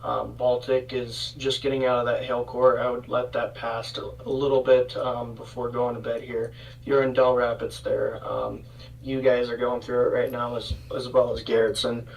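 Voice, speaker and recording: A man co-hosting live severe weather coverage, talking casually and off the cuff in a halting, hesitant way. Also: medium pitch, completely flat delivery, vocal fry. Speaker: severe weather livestream co-host. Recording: distant mic.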